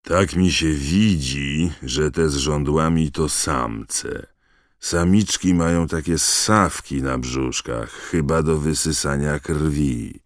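A huge, gruff gamekeeper booms out his words with rustic warmth, as a man voices him in an audiobook. The voice sits very deep and close, with a dry sound. His delight in monsters drives a hearty, loud delivery. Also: slow pace, no room sound. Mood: proud, hearty.

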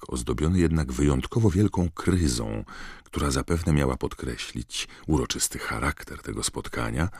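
Audiobook narrator, male, measured and expressive, bass voice, dry sound. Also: vocal fry, no room sound.

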